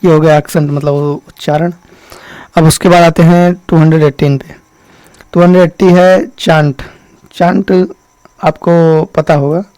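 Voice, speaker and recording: A man teaching an exam-prep vocabulary lesson. He explains step by step, checks in often, and reads the English definitions slowly. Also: on the high side, a little mellow, dry recording. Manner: explains step by step, keeps saying "ṭhīk" to check in.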